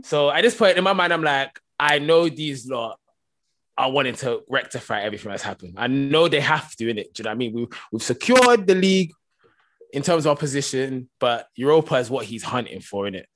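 A young man with a London roadman accent chats about football among friends. His voice sits at an average male pitch. He tells it as an animated story, packed with street slang and tag questions. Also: brisk. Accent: London, multicultural street slang. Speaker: football fan panellist. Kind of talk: casual football banter.

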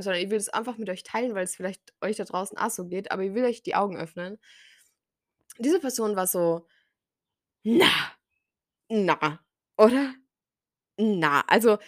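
Woman in her twenties, casual podcast host, chatty, mid pitch, dry close sound. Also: fast talker, darkish tone, dry recording. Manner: chatty, acts out conversations in quoted voices. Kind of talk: casual solo podcast monologue.

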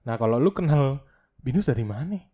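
A man's voice: mid-range voice, animated, a little fast, warm tone. A young man hosting a casual podcast, asking questions in a playful, teasing way. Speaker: podcast host. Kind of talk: casual chat.

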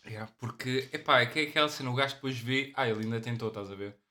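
A young man with a European Portuguese accent, co-hosting a podcast and telling stories in a relaxed way, often dropping an English "yeah". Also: mid-range voice, fast talker. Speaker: podcast co-host. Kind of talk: casual chat.

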